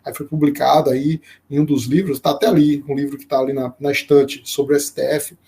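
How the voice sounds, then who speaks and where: A man teaching a live-streamed law lecture, explaining slowly with frequent fillers and restarts and pausing to greet viewers by name. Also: mid-range voice, steady tone, vocal fry, mellow. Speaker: law professor.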